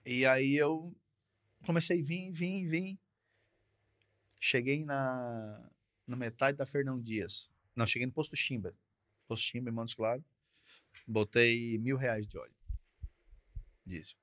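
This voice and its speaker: A man's voice: mid-range voice, unhurried, pauses often, fairly bright tone, no room sound. A man, a truck driver and podcast guest, telling a personal story in a casual, repetitive way, often tagging phrases with short questions. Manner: repetitive, conversational, frequent tag questions. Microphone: podcast studio mic.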